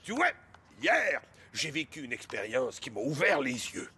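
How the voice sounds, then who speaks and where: An actor with a Québécois French accent, playing a loud, bossy, blustering rich hotel-owner father in a cartoon. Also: medium pitch, very animated, unhurried, breathy edge, heavily acted. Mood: gushing. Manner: loud, bossy, then gushing. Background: cartoon background music.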